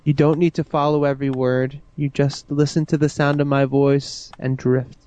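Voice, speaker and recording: A man guiding a listener into hypnosis with slow, soothing, repetitive suggestions. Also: on the high side, little pitch movement, dark tone. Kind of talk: guided hypnosis induction.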